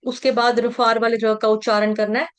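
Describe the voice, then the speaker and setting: A woman teaching Sanskrit verse pronunciation, stretching syllables slowly when she chants them and explaining quickly in between. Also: a little high, flat delivery, smooth. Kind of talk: slow chanting and pronunciation lesson.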